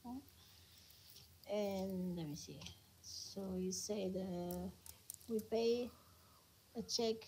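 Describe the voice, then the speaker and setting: A woman student working through accounting entries, speaking hesitantly with halting phrasing. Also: mid-range voice, steady tone, dark tone, a little hiss or hum, rough recording. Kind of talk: casual one-on-one tutoring.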